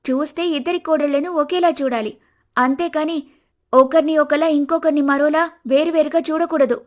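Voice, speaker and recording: Woman doing a strict middle-aged mother-in-law, stern, scolding, fairly high voice. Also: steady tone, normal speed, natural voice.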